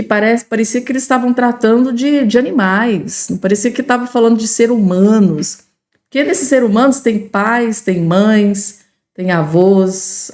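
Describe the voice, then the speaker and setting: A woman's voice: fairly high pitch, darkish tone. Emphatic Brazilian woman commentator. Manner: emphatic, repetitive, uses colloquial tags. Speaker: news commentator. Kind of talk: informal commentary addressed to viewers.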